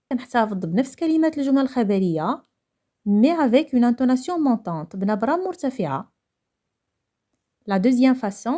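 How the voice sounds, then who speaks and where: A woman's voice: a little high, dark tone. Moroccan woman teaching French grammar. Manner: explains slowly, then repeats each point in Moroccan Arabic. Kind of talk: bilingual grammar lesson.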